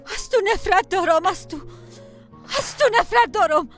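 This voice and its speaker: A woman's voice: lively intonation, fairly bright tone, soft background music, exaggerated voice. An actress with a Tajik accent playing a distraught young wife who curses and accuses her husband. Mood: furious. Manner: tearful, cursing, high-strung.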